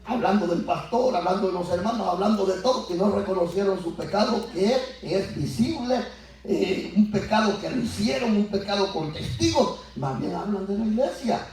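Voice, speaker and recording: A pastor preaching an animated Pentecostal sermon to his congregation, acting out biblical voices and building to shouts. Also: sits high, moderate pace. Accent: Latin American Spanish. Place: church sanctuary. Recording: echoey church heard from far off. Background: congregation answering.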